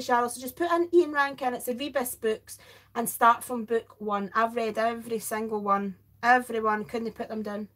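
A tired, middle-aged Scottish woman with a slightly high, fairly bright voice crafts on a livestream and answers viewers. Her casual chat is rambling and self-interrupting, and an overhead camera above her craft desk records it.

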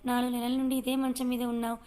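A woman's voice: on the high side, monotone, quick pace, dark tone, close to an everyday voice. A woman voicing a caring older mother who coaxes her grown daughter tenderly in an audio story. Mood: coaxing. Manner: coaxing, tender.

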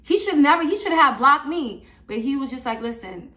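High, bright woman preaching faith. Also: animated, brisk. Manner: emphatic and preachy, with repeated phrases. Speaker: vlogger giving advice. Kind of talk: personal testimony and faith advice.

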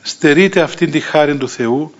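A man in his sixties with a Cypriot Greek accent, an Orthodox bishop telling a story in a sermon and acting out the voices of the people in it. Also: a little high. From Cyprus. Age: 60s. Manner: lively anecdotal telling, acting out quoted voices, chuckling. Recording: dull lo-fi recording.

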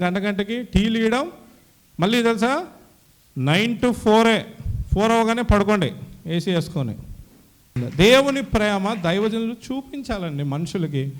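A young man giving an emotional church testimony, acting out the dialogue he recalls. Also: high voice. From Kadapa, Andhra Pradesh. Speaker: testimony giver.

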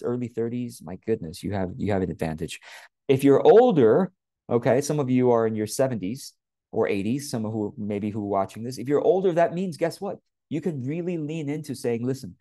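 Speaking from a small room at home through a wired earphone headset on a webcam, a late-forties business coach with a Californian American accent talks straight to the listener. His advice is casual and conversational with informal emphasis, delivered in a warm, medium-pitched voice on a dry recording.

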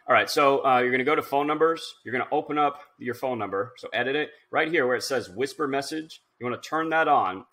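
In his thirties, a man gives a casual screen-share software tutorial, thinking aloud as he explains things in an informal, instructional way. His mid-range voice moves fast, with hardly any pauses.

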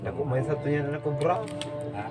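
A man's voice: on the high side, a little fast. A man, talking with his mouth full, bantering and joking casually while he eats on camera. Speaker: mukbang vlogger. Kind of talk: casual chat while eating. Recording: loud music playing behind. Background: loud music.

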